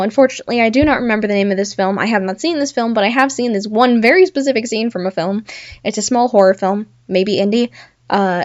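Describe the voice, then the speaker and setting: A woman's voice: medium pitch, lo-fi sound. A young woman hosting a casual solo talk show, chatting and laughing at her own examples. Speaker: podcast host.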